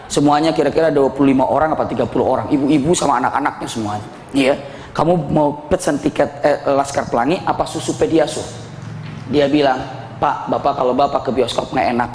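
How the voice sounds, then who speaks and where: A man with a high voice preaches an Islamic sermon that mixes in stories, laughing through his anecdotes and firing questions at the crowd that he then answers himself. His voice carries a long, roomy reverb, as if he is in a big hall, with faint ambient sound behind him. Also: slight background noise. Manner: lively, laughing while telling anecdotes, asks and answers his own questions.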